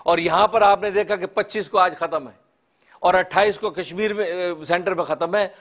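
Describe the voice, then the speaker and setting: A high-pitched middle-aged man preaches with fervor in an Urdu accent. He gestures broadly and swells to near-shouts when quoting. He is recorded close on a lapel mic in a small studio room. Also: steady tone, normal speed. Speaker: mufti, religious speaker. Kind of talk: sermon-style address.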